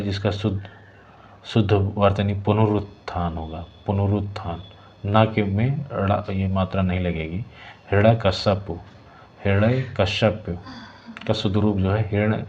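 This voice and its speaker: A man teaching a Hindi exam lesson, working through practice questions and saying the corrected words slowly and repeatedly. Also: low voice, a little mellow. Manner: repeats words slowly, adds "ठीक है" checks. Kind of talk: explaining exam questions, partly reading options. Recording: dull lo-fi sound with faint hiss.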